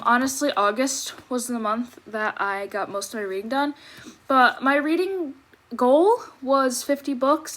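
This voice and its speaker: High-voiced young woman, talking after wisdom teeth removal. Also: fairly bright tone, slight background noise. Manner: chatty, self-interrupting, apologetic asides. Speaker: book vlogger. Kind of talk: casual chat to viewers. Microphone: tablet microphone.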